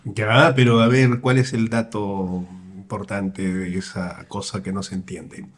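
A man's voice: fairly low pitch, level tone, a little slow. A man hosting a podcast, teasing and joking in casual banter. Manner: teasing, jokey. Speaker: host.

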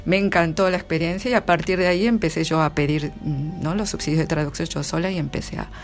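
A middle-aged Argentine woman with a low voice talks quickly in Argentine-accented Spanish, with soft music behind her. She's a literary translator giving casual interview answers, often restarting her sentences and laughing a lot.

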